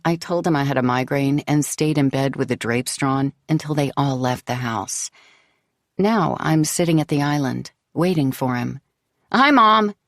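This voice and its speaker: A woman's voice: a bass voice, a little mellow, no room sound. A woman narrating a novel in the first person, composed and wry, close to the mic. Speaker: audiobook narrator.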